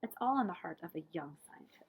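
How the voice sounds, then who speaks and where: A woman reading a picture book aloud to children as a librarian, with expressive, dramatic emphasis. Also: fairly low pitch, quick pace, breathy edge. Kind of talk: animated storybook read-aloud.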